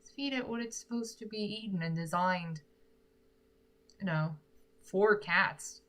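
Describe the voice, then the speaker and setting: This young Korean woman, a singer-songwriter, has a medium pitch, a measured pace and a fairly bright tone. She chats casually, answering viewers' live comments, giggly and thinking aloud.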